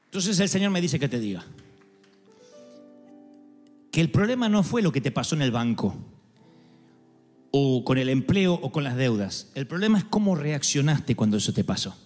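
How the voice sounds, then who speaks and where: A man preaching a sermon to an audience, animated, acting out the voices of God and of people, and talking straight to the crowd. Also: medium pitch, moderate pace, long pauses. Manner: addresses audience directly. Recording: long hall reverb with faint music.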